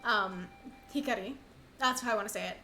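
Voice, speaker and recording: Young woman from Canada, speedrun streamer, chatty, self-deprecating, slightly high voice, faint game music. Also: a little fast, fairly bright tone. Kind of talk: casual live game commentary.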